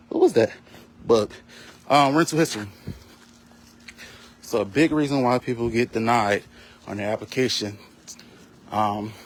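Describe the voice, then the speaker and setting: A male realtor walks outdoors on a live stream, giving casual, rambling tips while out of breath and leaning heavily on fillers. His voice is on the low side, with a little hiss or hum in the audio.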